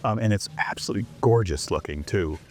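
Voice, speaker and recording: In a casual interview, a man from Canada who lives abroad speaks in a lowish voice, a little fast, with a little hiss or hum on the recording. He's an animated storyteller who performs the little exchanges he describes.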